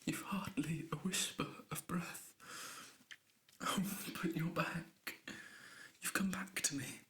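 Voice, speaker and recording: A man voicing a tender caretaker in a breathy, hushed, comforting whispered role-play. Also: on the high side, fairly even intonation, takes it slowly, pitched above the performer's own voice.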